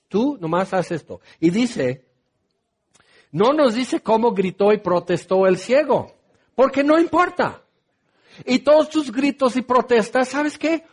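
A male pastor teaching a Bible study sermon in an animated, joking way, with dramatic swings in pitch.

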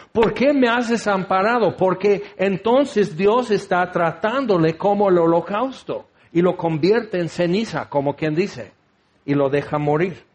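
High-voiced man preaching a sermon. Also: darkish tone. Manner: teaching, rhetorical questions, acts out quoted voices.

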